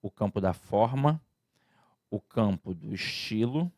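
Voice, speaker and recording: A man's voice: fairly low pitch, animated, takes it slowly, darkish tone, no echo, studio quality. A man giving a casual, chatty online grammar lecture for exam students. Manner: casual, chatty teaching with slang and diminutives. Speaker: Portuguese grammar teacher.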